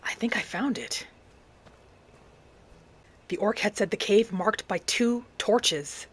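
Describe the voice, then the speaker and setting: With faint music underneath, a roleplay narrator gives dramatic in-character musings over a game. Her medium-pitched voice is animated and slightly rough, and she speaks slowly.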